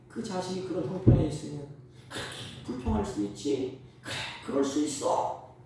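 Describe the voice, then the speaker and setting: A man, a pastor, preaching a sermon with emphatic outbursts and soft intimate asides, recorded in a church. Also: fairly high pitch. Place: church sanctuary. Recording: echoey church sound from a distance with faint noise.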